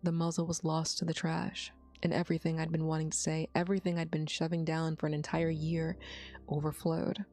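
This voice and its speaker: A woman's voice: deep voice, little pitch movement, a little fast, darkish tone, faint music behind. A woman streamer reading a story aloud in first person, adding casual asides to her audience. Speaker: VTuber story reader.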